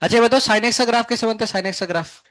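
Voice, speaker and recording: High-voiced male teacher quizzing his class. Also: fairly bright tone, no echo. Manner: chatty, scolding then explaining, asks students many quick questions; hums tunes to show wave shapes. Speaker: physics teacher. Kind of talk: live classroom lecture.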